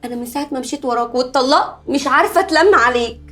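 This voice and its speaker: A woman's voice: high-pitched, very fast, pushed and bright. An actress with an Egyptian accent playing a divorced woman who angrily accuses the man who used her, in a film drama. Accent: Egyptian Arabic. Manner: accusing, indignant. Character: bitter divorced woman, betrayed lover.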